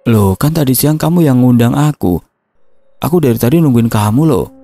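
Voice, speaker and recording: A man voicing a sweet, gentle teenage schoolgirl who speaks softly and with care. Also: mid-range voice, expressive, moderate pace, soft background music, voice pushed up.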